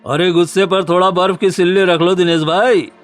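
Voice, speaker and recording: A man with a natural, high-pitched voice and steady tone dubs a Hindi cartoon story, voicing a conniving neighbour bent on blackmail. He taunts with smug, drawn-out theatricality while faint music plays underneath.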